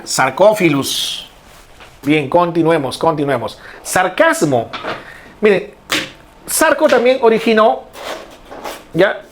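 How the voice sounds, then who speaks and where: A man gives an online lesson in a fairly high voice. He explains step by step and repeats his key words. He keeps turning to the students with short questions. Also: a bit bright, a little hiss or hum. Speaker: teacher. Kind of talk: online class lecture.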